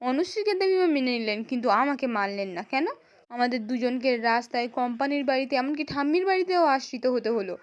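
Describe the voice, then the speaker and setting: A defiant young wife with a West Bengal accent, proud and bitter, as a woman narrator reads her lines. She talks fast and high, accusing and indignant, like a storybook retelling. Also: expressive, dull audio.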